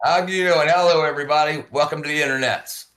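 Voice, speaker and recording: A man's voice: fairly high pitch, fast talker, a bit bright. A man in his forties, a YouTuber guest in a casual talk, who rambles and repeats words as he thinks. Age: 40s. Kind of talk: casual conversation.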